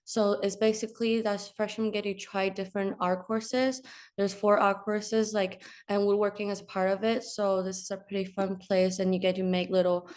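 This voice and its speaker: Young female student guide from China, casual, filler-heavy, monotone delivery. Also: medium pitch, normal speed. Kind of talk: informal campus tour narration.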